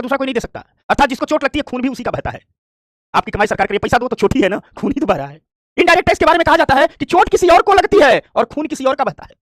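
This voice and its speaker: A man teaching an economics class, talking quickly and often asking if students understood. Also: very high voice, no echo, studio quality. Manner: fast, lively, repeats "ठीक" and checks understanding; acts out complaining shopkeepers. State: tired from standing. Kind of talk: classroom lecture.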